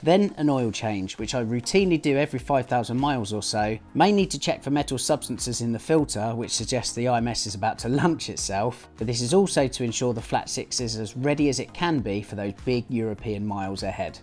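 A man's voice: medium pitch, expressive, brisk, hardly any pauses, a little mellow. Young guy narrating car stuff, upbeat, light music under it. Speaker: host. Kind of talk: car video narration and interviewing.

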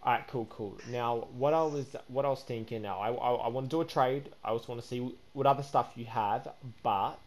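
A man hosting a game video, excitable and chatty, slipping into shrill indignation when he feels cheated. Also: brisk, few pauses. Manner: excitable, repeats "guys" and "bro", turns shrill and indignant. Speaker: gaming YouTuber host. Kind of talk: gaming commentary with voice chat.

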